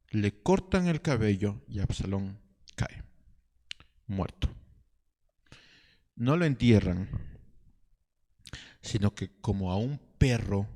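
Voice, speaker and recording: A man preaching a sermon as pastor, telling a story with rhetorical questions and halting restarts. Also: on the low side, warm tone, long reverb tail. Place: church hall.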